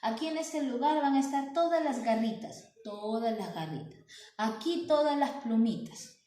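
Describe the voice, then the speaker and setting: A woman's voice: a little high, animated, moderate pace, warm tone, natural voice. A woman voicing a fussy, anxious little male angel who hurries everyone along, in a children's story. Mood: organizing. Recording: roomy echo.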